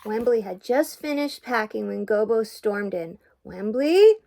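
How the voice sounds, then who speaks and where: Older woman, grandmother, storybook read-aloud, soft and affectionate, gravelly voice, middle pitch. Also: normal speed.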